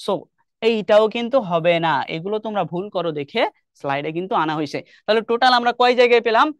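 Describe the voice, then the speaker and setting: A man's voice: sits high, fast, clean tone, dry recording. A young man with a Bangladeshi Bengali accent teaching an online English class, explaining step by step and quizzing his students often. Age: young adult.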